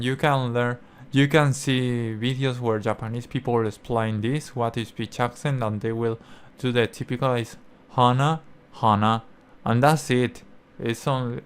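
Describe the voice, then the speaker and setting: A man talking casually to camera as a language-learning creator, halting and searching for words with many restarts. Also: mid-range voice, clear, resonant tone.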